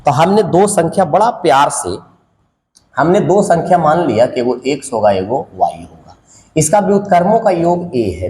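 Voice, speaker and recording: A man's voice: on the high side, a little mellow. A man teaching a math lesson for exam prep, working through sums aloud in a sing-song counting patter. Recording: echoey room with long reverb.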